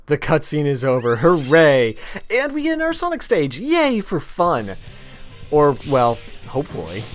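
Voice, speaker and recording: A young man giving casual let's play commentary in a sarcastic, rambling, jokey way. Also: mid-range voice. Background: video game music.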